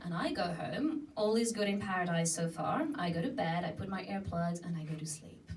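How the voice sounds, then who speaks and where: A woman's voice: fairly low pitch, brisk, a little mellow. A young woman from France with a French accent, performing a giggly, self-deprecating stand-up set. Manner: chatty, self-deprecating storytelling with frequent giggles. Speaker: stand-up comedian. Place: comedy club stage with a live audience. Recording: distant club recording with audience laughter. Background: audience laughing.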